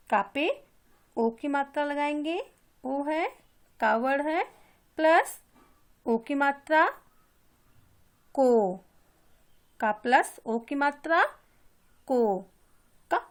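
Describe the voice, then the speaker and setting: A woman teaching a kindergarten class in a slow, patient way, taking each sound one step at a time. Her voice sits fairly high, and she stretches out syllables so young learners can follow along. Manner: patient and repetitive, drawing out sounds for children. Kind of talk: slow step-by-step Hindi lesson for young children.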